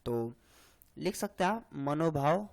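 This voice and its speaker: Male tutor with a high voice, for an exam-prep grammar lesson; slow, repetitive, keeps checking the student follows. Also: lively intonation, gravelly. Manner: explains slowly, repeats lines, frequent "hai na" and "theek hai". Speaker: Hindi grammar teacher.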